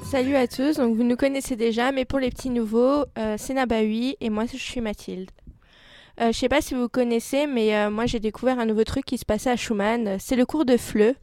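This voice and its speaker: Young female radio presenter, higher register, dry studio-like sound, semi-scripted report. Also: steady tone, brisk, a little mellow, no echo, faint music behind.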